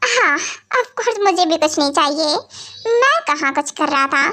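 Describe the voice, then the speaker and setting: A woman's voice: high-pitched, expressive, unhurried, sharp tone, full character voice. A woman voicing a brash, cocky young gangster husband in a fan-dubbed audio story, talking in a teasing, smug way.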